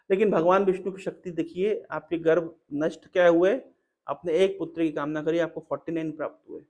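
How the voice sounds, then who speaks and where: A man's voice: fairly high pitch, a little mellow, lo-fi sound, voice pushed down, natural voice. A man voicing the anxious king of the gods as he confesses to his stepmother in a storytelling sermon.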